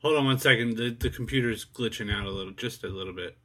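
A man's voice: mid-range voice, quick pace, a bit bright. Rambling man interviewing over video call. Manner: rambling, restarting his questions. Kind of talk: casual interview.

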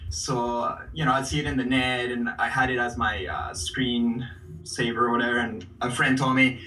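A man's voice: mid-range voice, level tone, moderate pace, pushed and bright, distant mic, a little hiss or hum, rough recording. A man who grew up in Peru, chatting loosely as a guest artist over a video call, swearing freely and laughing as he talks. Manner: loose, profane, laughing storyteller. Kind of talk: casual chat.

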